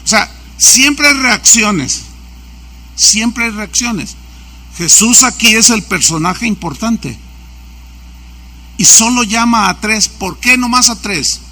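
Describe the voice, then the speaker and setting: A male pastor delivers a sermon. His voice is very bright and sits high for a man. He acts out anecdotes and asks the congregation questions. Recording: church service recording.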